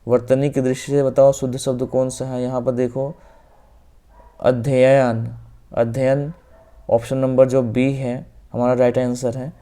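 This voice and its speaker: A man with a North Indian Hindi accent teaching an exam-prep grammar lesson, going through questions step by step, repeating the correct answers and often dropping quietly at the end of a phrase. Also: mid-range voice, level tone, moderate pace, few pauses. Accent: Hindi-speaking North Indian.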